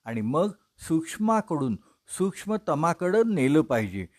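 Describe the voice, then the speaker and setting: A man giving a religious discourse, explaining steadily in a measured preaching manner and listing examples one by one. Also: fairly high pitch, very animated. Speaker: religious storyteller. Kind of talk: Bhagavata discourse.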